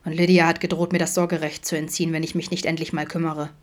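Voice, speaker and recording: A woman voicing a guarded, introverted middle-aged father who mumbles in a low, quiet way, in an audiobook. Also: flat delivery, quick pace, close to an everyday voice.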